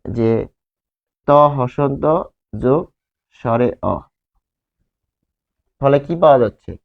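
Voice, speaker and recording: A male teacher giving a grammar lesson, repeating key terms slowly and asking and answering his own questions. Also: mid-range voice, gravelly. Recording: tinny, phone-like sound.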